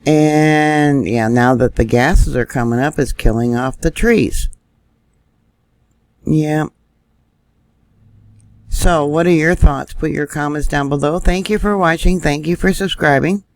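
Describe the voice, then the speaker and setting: A man's voice: a little high, slow pace, pauses often, no room sound. A man talking casually while he shows maps and camera views on screen, thinking aloud with fillers as he goes. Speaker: news vlogger. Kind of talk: casual screen-share commentary.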